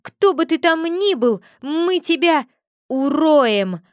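Woman voicing a loud, high-ish talking tomcat familiar for a storybook, jittery and blustering, dry close sound. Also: measured pace, no room sound. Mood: threatening. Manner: gruff threats, loud exclamations. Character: nervous male cat familiar, bold-talking.

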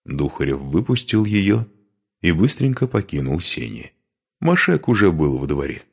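A male audiobook narrator reads with a deep, low voice. His pitch moves in lively, animated swings. The reading is expressive and scripted. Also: moderate pace, gravelly, husky. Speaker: audiobook reader.

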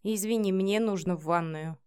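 A woman's voice: mid-range voice, normal speed, darkish tone, clean tone, natural voice. A woman reading the lines of a hungover, flustered young man who keeps exclaiming in protest. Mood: irritated.

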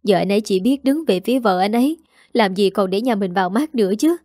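A spoiled young sister, whining and sulking in a slightly higher voice, as a woman reading a story puts her on. The sound is mellow and close. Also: animated, fast talker, no echo, lightly acted. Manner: whining, sulky.

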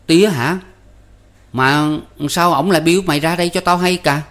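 A man voicing a gruff young village man who grumbles bluntly, with a Southern Vietnamese accent. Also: on the high side, moderate pace, a bit bright, pitched above the performer's own voice, lightly acted. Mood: puzzled.

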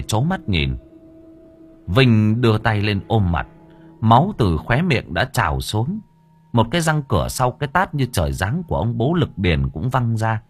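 A man narrating a horror story aloud with expressive, shifting delivery. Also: fairly low pitch. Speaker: audiobook narrator.

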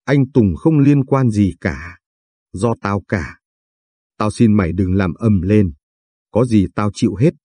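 A man's voice: fairly low pitch, expressive, slow pace, warm tone, breathy edge, no room sound, exaggerated voice. A man voicing a guilty young woman who begs her friend for forgiveness. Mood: pleading. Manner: pleading.

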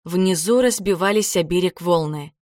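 A woman's voice: lowish voice, normal speed, no echo, clean studio sound. Woman narrating a dramatic audiobook. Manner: dramatic, expressive.

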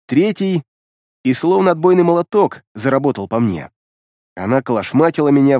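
A man reading a first-person fantasy audiobook in an expressive, dramatic way. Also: on the high side, no room sound, clean studio sound. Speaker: audiobook narrator.

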